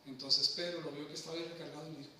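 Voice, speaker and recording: A man's voice: a little high, level tone, racing, pushed and bright, a little hiss or hum. A man preaching a sermon, teaching scripture and asking his congregation questions as he goes. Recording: echoey room, from far off.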